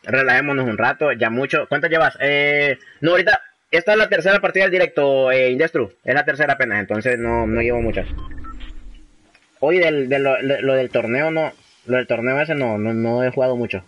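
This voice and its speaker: A young Honduran gamer chats casually on a livestream, reading out viewer comments and blending English phrases into his slangy speech. The recording is muffled, and his medium-pitched voice goes a little fast.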